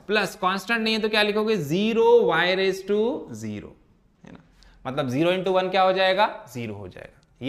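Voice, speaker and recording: High, bright-voiced male math teacher. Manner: keeps asking checking questions. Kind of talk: classroom lesson explanation.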